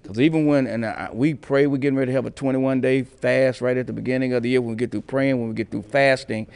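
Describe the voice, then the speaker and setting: A middle-aged man, a bishop, talking on a TV panel show with a preacher's emphasis, circling back over his words as he builds up. He sits on a studio set, miked with a lapel mic, at a middling pitch. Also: steady tone, quick pace, gravelly, darkish tone, smooth. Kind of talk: panel discussion on a TV talk show.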